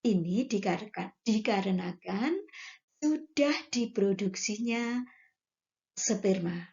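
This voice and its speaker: A woman's voice: mid-range voice, lively intonation, creaky, darkish tone, dull audio. A woman teacher, reading exercise questions aloud and then giving the answers. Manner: slow, careful, reads questions then gives answers. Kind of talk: slow classroom lesson, reading exercises aloud.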